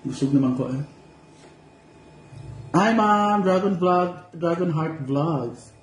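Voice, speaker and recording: A man's voice: fairly high pitch, takes it slowly. A man hosting a casual livestream, reading out viewer comments with playful, teasing jokes. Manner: playful and teasing, joking asides. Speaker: vlogger reading live comments. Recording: echoey room with faint noise.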